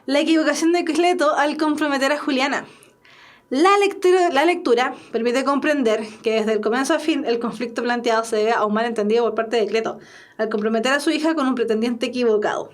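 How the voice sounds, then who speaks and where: A woman with a Chilean accent teaching an exam-prep lesson, talking casually and checking in with tag questions. Her voice is high. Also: fairly quick. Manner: chatty, explaining with tag questions.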